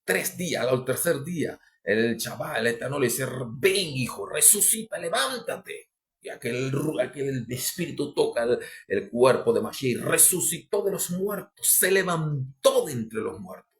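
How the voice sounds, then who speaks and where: A middle-aged man preaching a sermon, impassioned and climbing sharply in pitch for emphasis. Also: expressive, moderate pace.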